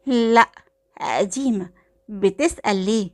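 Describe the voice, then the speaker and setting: A woman voicing a scheming young wife with an Egyptian accent, sharp and indignant. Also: mid-range voice, normal speed, lightly acted. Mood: curt. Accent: Egyptian Arabic.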